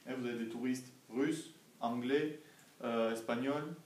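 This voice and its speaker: A young man from France, working as a language assistant, answers students' questions in an informal classroom interview, speaking at a medium pitch with a darkish tone and an unhurried, careful, didactic manner, often checking that he's being followed. He is recorded from a distance in an echoey room with faint background noise.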